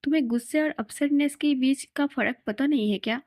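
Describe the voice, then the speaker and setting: A woman's voice: high-pitched, a little fast, a little mellow, no room sound, studio quality, natural voice. A woman voicing a sulky, easily upset young man in a storybook reading, pouting and later teasing.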